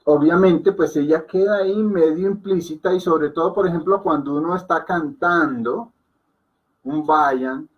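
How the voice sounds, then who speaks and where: A man teaching a class, explaining patiently and repeating words slowly, often checking with "ok?". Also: on the high side, dull audio. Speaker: Hindi teacher.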